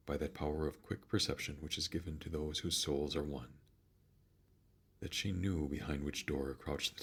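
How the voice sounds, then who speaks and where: A man with a deep, firm, gravelly and husky voice reads a classic story in a soothing, measured storytelling style. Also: fairly bright tone. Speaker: narrator.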